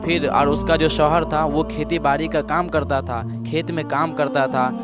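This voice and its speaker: A man's voice: fairly high pitch, level tone, moderate pace. A man preaching a sermon, retelling a moral story in plain words and repeating phrases for emphasis. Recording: background music under the voice. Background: music.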